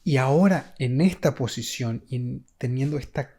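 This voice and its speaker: A man speaks as a guest on a faith podcast and shares his testimony. He talks in a reflective way and often pauses with fillers as he looks for words. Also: mid-range voice, mellow, slightly rough.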